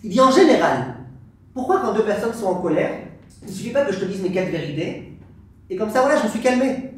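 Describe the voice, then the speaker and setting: A man teaching a Torah class as a rabbi, animated, acting out angry exchanges and quizzing his audience. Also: sits high, a little fast. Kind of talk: lively Torah lesson to an audience. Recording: very echoey room, voice from far off, faint hiss.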